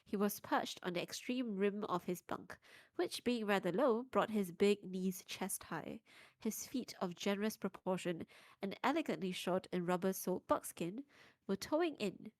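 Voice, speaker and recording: A young woman reading aloud on a live stream in an even, mid-range voice. She drops into laughing asides between passages. The sound is close and dry. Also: medium pitch, normal speed, no echo.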